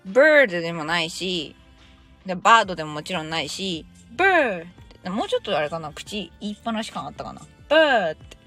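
A young woman talks through her solo podcast in a quick, chatty way. Her voice bounces freely up and down and breaks into laughing asides. Faint music plays softly behind her. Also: fairly low pitch, expressive. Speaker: podcast host. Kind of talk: casual solo podcast talk.

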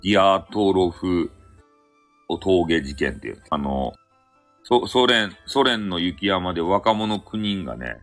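This solo live audio chat host talks in Hakata dialect, rambling casually, fixing his own words and laughing a little as he goes. He speaks slowly in a low, slightly bright voice with lively intonation, and faint music sits in the background.

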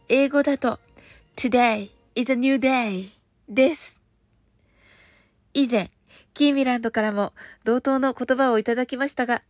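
A woman hosting a relaxed radio show, speaking politely and gently, slowing down for careful English phrases. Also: high-pitched, no echo. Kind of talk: relaxed scripted radio talk with English lessons.

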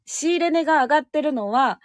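Very high, animated woman radio host. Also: fairly quick, no room sound, clean studio sound. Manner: animated, polite, often laughing. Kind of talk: casual chat between co-hosts.

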